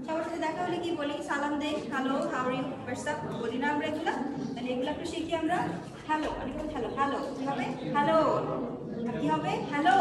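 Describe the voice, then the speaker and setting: A woman with a Bengali accent leads a classroom English lesson, drilling each word and asking the class to repeat it. Her voice sits high and comes from far off in a long-reverberating hall with a loud crowd behind. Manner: drills words slowly, asks and repeats answers. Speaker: English teacher. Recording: echoey hall recorded from afar, crowd behind.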